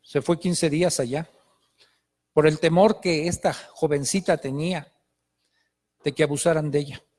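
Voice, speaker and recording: A man's voice: on the high side, steady tone, normal speed, pauses often, darkish tone, in a large hall. A male pastor, preaching a sermon with emphatic storytelling.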